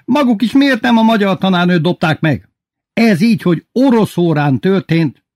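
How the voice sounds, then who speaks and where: A man's voice: high voice, animated, darkish tone, dry recording, clean studio sound, pitched above the performer's own voice. A man voicing a furious, pompous male school principal and party official who bellows and stumbles over his words. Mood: shouting, ranting.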